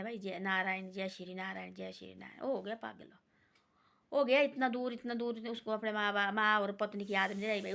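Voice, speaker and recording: A woman casually telling a devotional folk story, rambling and repeating herself between quoted lines. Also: mid-range voice.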